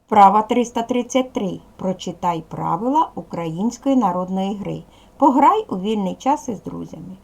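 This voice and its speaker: Female primary teacher, gravelly edge, patient question-and-answer manner for young kids. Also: mid-range voice, lively intonation, normal speed, a little mellow. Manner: patient, asks pupils questions and answers them herself. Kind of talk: video lesson for young pupils.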